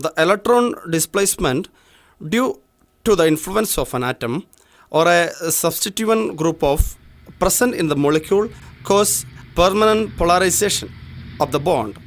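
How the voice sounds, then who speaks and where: An actor with a Malayali English accent playing an impatient, contemptuous chemistry lecturer who rushes through his lecture in a monotone and snaps at students. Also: high voice, full character voice. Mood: lecturing. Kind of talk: short film acting.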